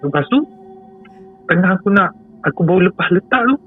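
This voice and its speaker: Lelaki Malaysia bercerita seram, bunyi tinny. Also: male voice, sits high, animated, a little fast, soft background music. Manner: chatty, repeats phrases, chuckles often. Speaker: guest storyteller. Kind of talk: casual storytelling about a scary experience. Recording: tinny phone-like sound.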